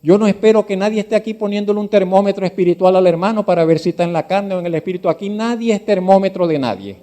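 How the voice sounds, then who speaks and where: Male pastor, sermon delivery; mellow, slightly high voice; direct questions to the congregation; swings from hushed to forceful. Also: level tone, racing. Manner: emphatic, rising to loud exhortation.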